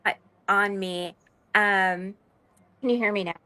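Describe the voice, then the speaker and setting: A woman's voice: medium pitch, fairly even intonation, slow, bright, forceful tone, clear, resonant tone, dry recording, low-quality recording. A woman leading a cacao ceremony chats enthusiastically on a live video call from her phone, and her audio keeps cutting out. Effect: audio cutting out in dropouts. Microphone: phone microphone.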